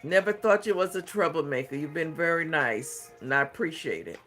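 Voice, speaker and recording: A man's voice: fairly high pitch, expressive, brisk, fairly bright tone, faint music behind. A man hosting a craft livestream, reading viewer comments aloud and answering them in a hesitant, thinking-aloud way.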